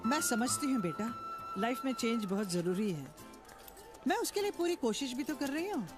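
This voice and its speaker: Soft-spoken middle-aged mom, high and lively voice, music behind. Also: female voice, normal speed. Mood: gentle. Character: gentle middle-aged mother, shy but warming up. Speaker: mother. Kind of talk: Hindi film dub. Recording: film soundtrack with music behind. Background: film score.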